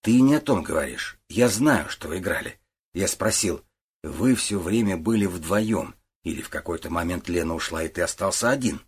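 A man reading a calm, probing detective. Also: sits low, normal speed, slightly rough, heavily acted. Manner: patient, probing questions. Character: calm, methodical middle-aged male detective. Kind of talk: audiobook character voice.

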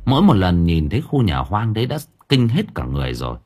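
A man narrating an audiobook story, with lively storytelling rises and falls. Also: deep voice, fast. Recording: narration over faint background music.

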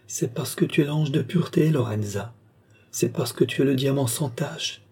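A man's voice: mid-range voice, moderate pace, a little mellow, slightly rough. A man reading the lines of a brooding, ambitious mystic in a solemn, exalted declamation. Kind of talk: audiobook character reading.

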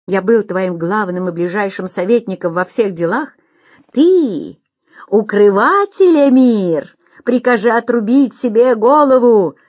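A woman voicing a bold, defiant male hero in a storybook reading, speaking in loud, ringing proclamations. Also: mid-range voice, animated, unhurried, dry recording.

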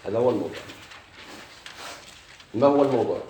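Fast-talking Moroccan grammar teacher. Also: male voice, medium pitch, lively intonation, warm tone, roomy sound, a little hiss or hum. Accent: Moroccan Arabic. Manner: poses questions and answers them himself. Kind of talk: classroom grammar lesson.

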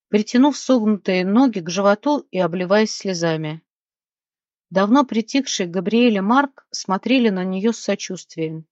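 A woman reading an audiobook aloud, with calm, unhurried narration. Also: medium pitch, no echo. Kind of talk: scripted narration. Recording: dry, slightly muffled recording.

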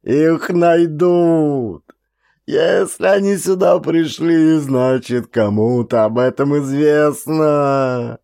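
A panicked young soldier shrieks and wails in a high, strained voice, as a male audiobook narrator puts him on. The lines stretch out into slow, tearful howls, and the recording is dry and close. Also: gravelly, bright, forceful tone, clear, resonant tone, no room sound, full character voice. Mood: panicky wailing. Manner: wailing, shrill and drawn out. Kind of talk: audiobook character voice.

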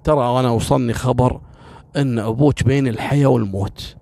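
A man's voice: mid-range voice, fast talker, creaky, warm tone, lightly acted. A man voicing a reluctant husband who speaks frankly and with resignation. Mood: earnest. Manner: pleading, then frank and resigned. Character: cornered husband, weary and reluctant.

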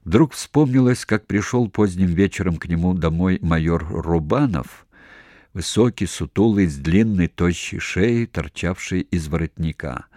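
Male audiobook narrator, deep, dry close recording. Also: unhurried, a little mellow, no room sound. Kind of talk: scripted narration.

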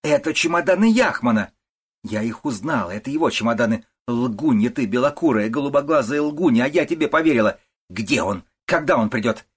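A man reading an audiobook, voicing a shrill, hysterical older woman who wails and accuses, in a husky voice. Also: fairly quick, close to an everyday voice. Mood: shrieking. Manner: wailing, shrieking, accusing.

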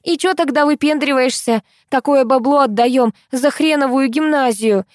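A brash rich mother shrieks her demands in a high, piercing voice, as a woman reader puts her on. She is crude, bossy and indignant, and the reading sounds dry and close. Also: moderate pace, darkish tone, no echo, lightly acted. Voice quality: shrill, shrieking. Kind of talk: audiobook reading.

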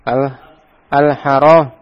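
A medium-pitched male voice with flat delivery and drawn-out words belongs to an Islamic teacher with an Indonesian Javanese accent. He quizzes students in an Arabic grammar class and prompts them to read aloud, while the recording has its highs cut off.

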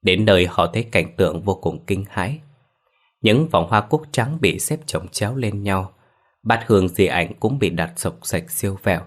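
Man, very deep voice, grim dramatic horror narration, storyteller. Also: lively intonation, normal speed.

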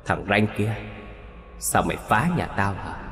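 A man voicing a vengeful female ghost who whispers slowly from far off. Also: fairly low pitch, animated, a bit bright, echoey room, big-room sound, soft background music. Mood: menacing. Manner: slow whispering moan.

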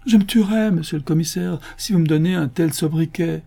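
A man voicing a poor, desperate man who whimpers and pleads in a high, wailing voice. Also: expressive, normal speed, mellow, slightly rough. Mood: pleading. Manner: whimpering, high-pitched lament.

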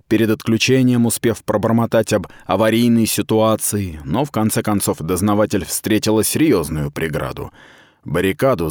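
A man narrating a science-fiction novel with a dramatic, expressive reading. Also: on the low side, no room sound, studio quality. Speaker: audiobook narrator.

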